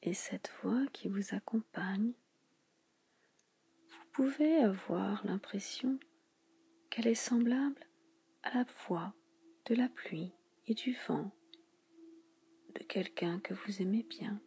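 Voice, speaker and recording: A woman guides a relaxation hypnosis in a soothing, spa-like whisper, hushed and breathy, with slow repetitive phrasing and frequent pauses. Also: mid-range voice.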